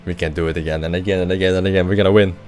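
A man's voice: low-pitched, very fast, soft background music. A young man hosting a reaction video, exclaiming and repeating himself as he watches an anime episode. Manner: excitable, exclaiming, repeats phrases. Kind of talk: live reaction commentary. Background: anime soundtrack playing faintly.

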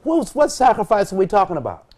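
A man's voice: sits high, very animated, quick pace, darkish tone. A middle-aged male pastor on a TV studio panel, reading Bible verses aloud and asking rhetorical questions that he then answers. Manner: reads scripture aloud, poses rhetorical questions and answers them. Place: TV studio set at a desk.

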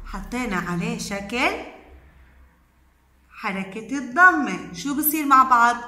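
A woman's voice: fairly high pitch, bright, forceful tone, roomy sound. A woman, teaching young children letters and syllables in a sing-song voice and praising them often. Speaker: kindergarten teacher.

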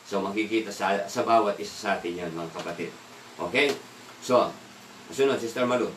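A man's voice: on the low side, normal speed, fairly bright tone, a little hiss or hum. A man leading an evening devotional, talking in a casual way, asking the listeners questions and slipping in English words. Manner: asks the listeners questions, mixes in English words, laughs now and then. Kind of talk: conversational Bible devotional talk. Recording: echoey room, voice from a distance.

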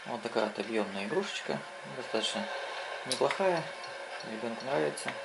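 A man giving casual gameplay commentary as a console reviewer, thinking aloud haltingly as he plays. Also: mid-range voice, lively intonation, vocal fry, heavy background noise. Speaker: video game console reviewer. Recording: loud game music behind voice. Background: loud video game music.

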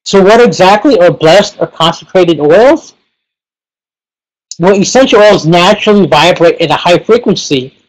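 Guy with a high voice walking thru his slides on a webinar, lots of "like" and "you know". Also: expressive, moderate pace, low-quality recording. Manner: rambling, heavy on fillers like "you know" and "like". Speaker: pranic healing teacher. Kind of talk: casual webinar presentation.

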